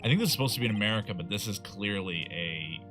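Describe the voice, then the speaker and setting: A man's voice: on the low side, lively intonation, racing, music in the background. A man in casual let's-play chat, joking and laughing as he does the game's voices. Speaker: game player.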